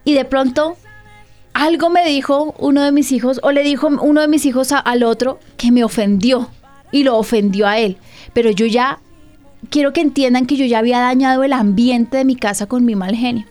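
Woman, pastor, radio host, fairly high voice, candid testimony, conversational. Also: normal speed, darkish tone, soft background music. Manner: candid, conversational, asks listeners direct questions.

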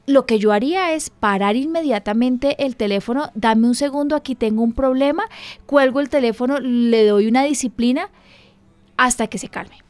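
A woman pastor and radio host speaks with earnest emphasis, slightly high in pitch. The sound is dry and close, with no room behind her. She talks through parenting points in a conversational way. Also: darkish tone, dry recording. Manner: earnest, emphatic, acts out dialogue with her child. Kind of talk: conversational parenting advice talk.

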